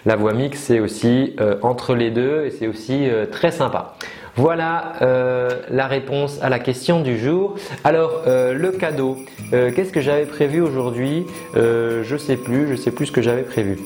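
A man's voice: medium pitch, measured pace, a little mellow, faint music behind. A man teaching singing in a casual online lesson, explaining with many fillers and demonstrating sung notes. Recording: roomy echo.

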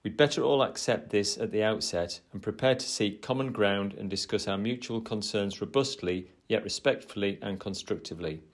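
A man reading a prepared formal message in a measured, earnest manner. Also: on the low side. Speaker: trade association chair.

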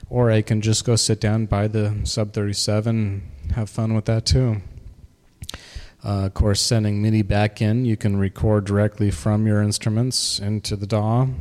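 A man giving a casual, halting demo of his music software, with a reverb effect on his voice. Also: fairly low pitch. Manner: halting, many fillers. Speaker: music producer.

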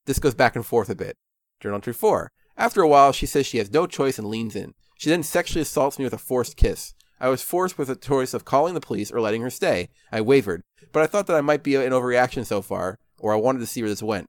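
A man's voice: mid-range voice, expressive, fast talker, dry recording. A man narrating a game playthrough in a sarcastic, self-mocking way.

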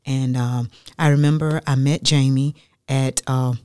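A woman, a radio guest telling her life story in an animated, chatty way that repeats phrases for emphasis. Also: a bass voice, measured pace, smooth, dry recording, studio quality. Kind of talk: casual storytelling interview.

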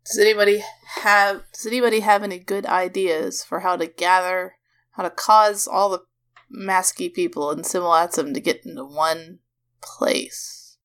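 A woman player in a tabletop game, chatting casually with slow, restarting phrasing. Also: lowish voice, steady tone, a bit bright, clean tone. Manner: slow, restarting, giggly banter. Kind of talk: casual play chat.

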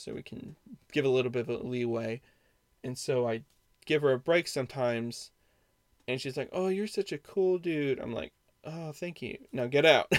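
A male podcast host tells a story in a loose, rambling way, restarting sentences as he goes. His voice sits in a middle pitch. The recording is dry, with no room sound. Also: no echo. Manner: rambling, frequent restarts and self-corrections. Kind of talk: casual storytelling monologue.

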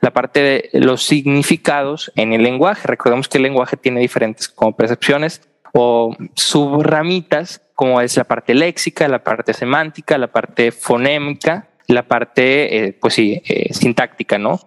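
A young man talks through ideas as a guest on a relaxed podcast. He explains at length and keeps tossing in little tag questions to check that the listener is following. His voice sits at an ordinary middle pitch for a man. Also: unhurried. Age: young adult. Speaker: podcast guest, philosophy student. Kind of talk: casual explanatory podcast conversation.

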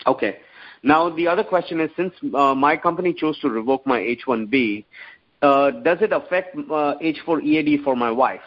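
A man calling into a radio advice show over the phone, laying out his situation politely and haltingly. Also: a little high, lively intonation. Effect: phone call heard on air. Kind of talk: call-in question. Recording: dull phone-line sound.

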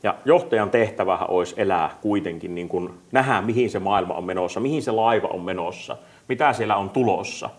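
A man hosting a casual talk, agreeing often and filling his speech with hesitant fillers. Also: low voice. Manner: agreeable, fills speech with "niin kuin". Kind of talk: casual podcast chat.

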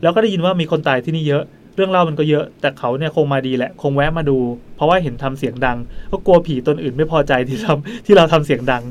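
Fast-talking man telling a ghost story. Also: fairly high pitch, slight background noise. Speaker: podcast host. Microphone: studio mic.

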